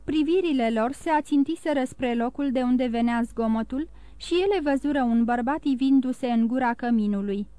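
A woman narrating a classic novel as an audiobook in a steady storytelling reading. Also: high-pitched, no echo. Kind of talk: scripted narration.

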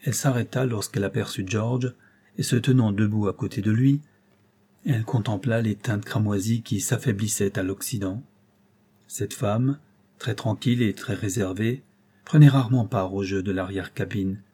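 A man reading a classic novel aloud as narrator, in a measured storytelling delivery. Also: on the low side, mellow, breathy edge. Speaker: audiobook reader.

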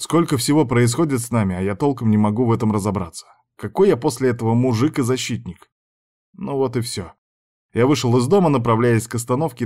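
A man reading a first-person novel aloud as a measured, brooding inner monologue. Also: medium pitch, darkish tone. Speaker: audiobook narrator. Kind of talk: first-person storybook narration.

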